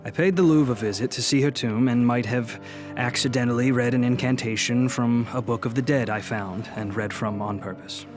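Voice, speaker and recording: A man plays a genial gentleman scientist, pleased with himself and obsessive. His delivery is chatty, wry and theatrical, as in a radio drama, over clearly audible music. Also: mid-range voice, moderate pace, natural voice. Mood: grandiose, wry. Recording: music under the voice.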